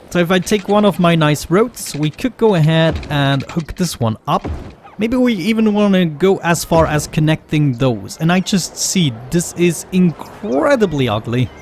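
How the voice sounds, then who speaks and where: A man's voice: high voice, darkish tone, slight background noise. A man in his thirties giving casual game commentary as host, talking with a swollen, sore mouth. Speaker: host of a gaming series. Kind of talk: casual let's play commentary.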